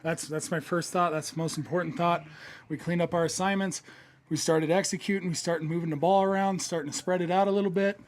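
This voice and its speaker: Winded football coach. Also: male voice, on the high side, fairly even intonation, a little fast, a little hiss or hum. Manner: candid, laughing, plainspoken. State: out of breath. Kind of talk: postgame interview.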